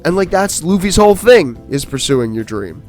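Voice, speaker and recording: Male podcast co-host, rambling enthusiast, raised pitch, soft music bed. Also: normal speed. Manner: excited, rambling, many fillers and restarts. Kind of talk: casual chat.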